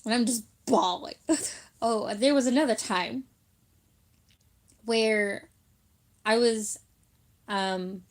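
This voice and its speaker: Giggly, unhurried young woman vlogger. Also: mid-range voice. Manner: giggly, laughs often while telling stories; chatty with frequent fillers and trailing asides. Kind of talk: casual storytelling chat.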